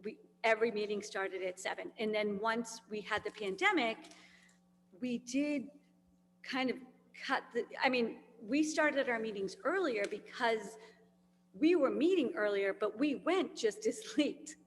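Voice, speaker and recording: A tired woman whose voice is wearing thin talks at a committee meeting. She rambles and circles back, filling pauses as she goes. A long reverb from the room trails her words, over a faint hum. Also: fairly high pitch. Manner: rambling, many fillers. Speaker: school committee member. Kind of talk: meeting discussion.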